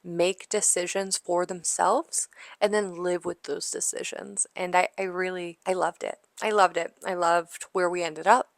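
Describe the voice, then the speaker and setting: A woman's voice: fairly low pitch, flat delivery, measured pace, gravelly, no room sound. A woman giving a casual book review on her vlog, gushing and enthusiastic. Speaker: book vlogger.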